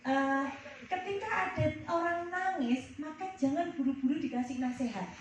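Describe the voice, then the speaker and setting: A woman's voice: sits high, normal speed. A woman leading a counseling workshop, explaining and asking the audience questions. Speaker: counseling trainer. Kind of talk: workshop lecture. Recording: echoey hall, distant mic, background noise.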